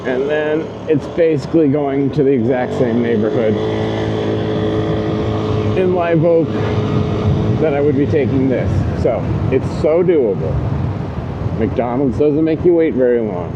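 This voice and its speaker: A man's voice: medium pitch, expressive, unhurried, long pauses. A man chatting casually to his viewers as a delivery rider, rambling and thinking aloud while riding a scooter outdoors. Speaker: delivery rider hosting his own video channel. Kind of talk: casual vlog chat while working. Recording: dull audio, loud outdoor road noise.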